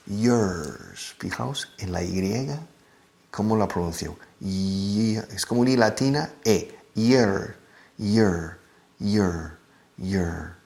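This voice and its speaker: A man teaching a beginner English lesson, drilling pronunciation by repeating words slowly. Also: sits low, vocal fry. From United States.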